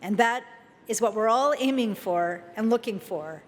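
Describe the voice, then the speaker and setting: A woman's voice: animated, moderate pace. A woman hosting an event, giving an enthusiastic, formal introduction of the keynote speaker. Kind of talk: prepared introduction. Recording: reverberant hall, faint rumble.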